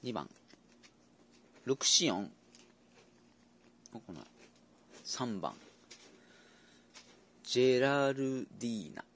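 A man's voice: mid-range voice, sing-song, takes it slowly, long pauses, fairly bright tone. A man casually chatting to his pet dogs at home, playful and coaxing as he goes. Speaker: vlogger predicting a horse race with his dogs. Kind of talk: casual chat to pets.

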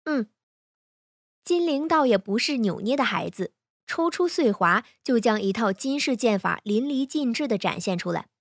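A woman reading fan fiction aloud in a smooth, even storytelling manner. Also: fairly high pitch, moderate pace, no echo, clean studio sound.

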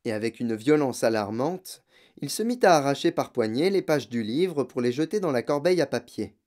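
A man reading a children's novel aloud as an audiobook, in measured, expressive narration. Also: medium pitch. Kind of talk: scripted narration.

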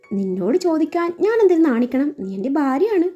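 A woman's voice: sits high, very animated, a little fast, dark tone. A woman voicing a playful young husband who teases his wife, over a dull recording with faint music. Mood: teasing. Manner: playful, teasing.

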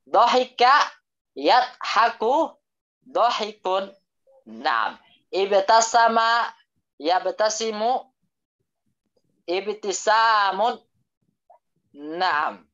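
Slow, patient male teacher on video call. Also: high-pitched, expressive, a bit bright. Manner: drills vocabulary, repeats and corrects students' answers; mixes Arabic phrases into Indonesian explanations. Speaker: Arabic teacher. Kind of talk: online language class. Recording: dull lo-fi video call audio.

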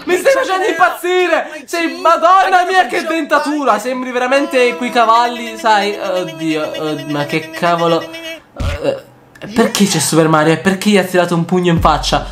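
A young man hosting a reaction video, excitable and quick to shout and laugh between comments. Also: very high voice, a crowd in the background. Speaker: YouTuber host.

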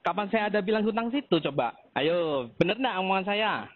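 A man's voice: high-pitched, lively intonation, fairly quick. A man arguing on a phone call with a debt collector, mocking and lecturing her. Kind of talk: recorded phone argument. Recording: tinny phone line.

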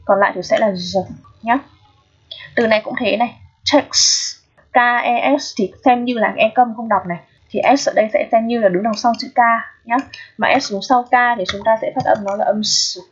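Patient woman teacher, husky lo-fi voice. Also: a little high, fairly even intonation. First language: Vietnamese. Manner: patient, repeats words slowly, checks understanding often. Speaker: English teacher. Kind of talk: exam review lesson. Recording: dull lo-fi recording.

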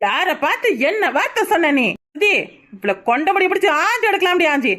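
Woman voicing a sharp-tongued village woman. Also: extremely high pitch, big pitch swings, brisk, full character voice. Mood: angry. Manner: demanding, threatening. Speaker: cartoon character.

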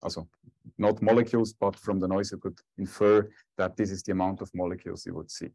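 Low-voiced man. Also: fairly even intonation, fast talker, vocal fry, warm tone. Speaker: scientist presenting at a conference. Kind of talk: technical talk and question-and-answer. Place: conference lecture room.

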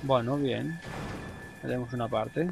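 A young Spanish man with a Spain accent talks through his gameplay, cursing freely and shouting out in excitement. His voice has a gravelly, fry-laden edge at a middling pitch. Game music plays clearly behind him. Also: unhurried, low-quality recording. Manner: swears often, excitable exclamations. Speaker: gameplay commentator. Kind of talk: casual gameplay commentary.

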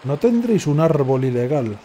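A man's voice: a little high, big pitch swings, moderate pace, mellow, a little hiss or hum. A man giving casual let's play commentary, sarcastic and rambling, often muttering to himself. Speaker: gaming streamer. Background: faint game music.

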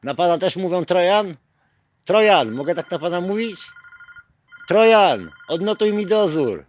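A man's voice: sits high, expressive. A man filming himself while mockingly bantering with a police officer outside a station at night, teasing and theatrical, calling out names. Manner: teasing, theatrical, calls out names in drawn-out shouts. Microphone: handheld camera.

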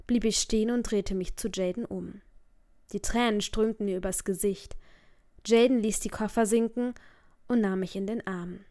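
A woman reads a first-person audiobook aloud. Her storytelling is emotive, and her voice sits at an ordinary middle pitch. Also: darkish tone. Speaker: audiobook narrator.

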